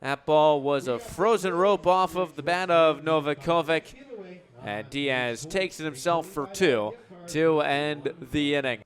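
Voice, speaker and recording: This man does live radio play-by-play for baseball, using punchy, clipped phrases that swell on big plays. His voice sits on the high side and moves at a measured pace.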